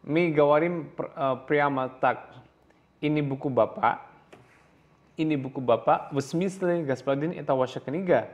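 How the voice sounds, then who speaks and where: At a normal speed, a man with a higher voice and an Indonesian accent walks through a language lesson on slides. Speaking in a second language, he hesitates, uses lots of fillers, restarts, and repeats each phrase.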